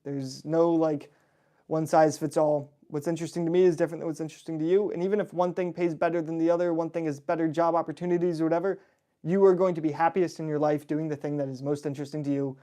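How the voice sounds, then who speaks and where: Reading viewer questions off the chat, a young man answers them on a relaxed livestream Q&A. His voice is on the high side with a dark tone, and he speaks quickly with little pitch movement, laughing often and using plenty of fillers.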